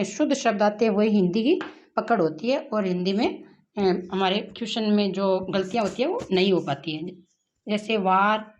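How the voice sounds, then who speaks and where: Woman slowly reading out word lists. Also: medium pitch, highs cut off. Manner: slow, deliberate listing of words with asides. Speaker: Hindi grammar teacher. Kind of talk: exam-prep lesson, reading word lists.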